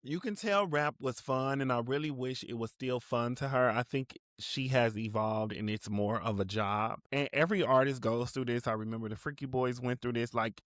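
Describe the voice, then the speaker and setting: A man co-hosting a podcast in easy, casual chat, his voice at an ordinary middle pitch. He sounds wry and relaxed, often restarting his sentences. The recording is dry and close. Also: normal speed, few pauses, no echo. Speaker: podcast co-host.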